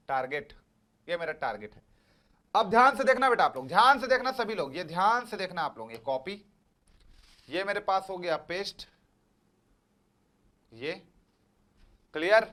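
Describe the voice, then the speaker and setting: A man with a high, slightly bright voice delivers an exam-prep lecture. He repeats his points and coaxes students along, often checking they're following and calling them "beta."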